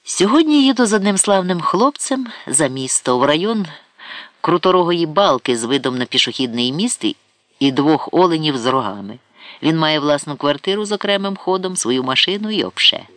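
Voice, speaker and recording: A man's voice: a little high, very animated, fairly quick, a bit bright, dry recording, voice pushed up. A vain, coquettish aging woman, as a male narrator puts her on in an audiobook, boastful and a little crude. She speaks in a raised, coy voice and mixes Russian words into her Ukrainian. The recording is dry and close. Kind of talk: audiobook character voice.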